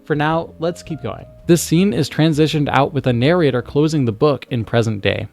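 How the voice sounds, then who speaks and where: A man's voice: fairly high pitch, moderate pace, vocal fry, darkish tone, faint music behind. A man giving an earnest film critique commentary, with sarcastic asides. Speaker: video essayist.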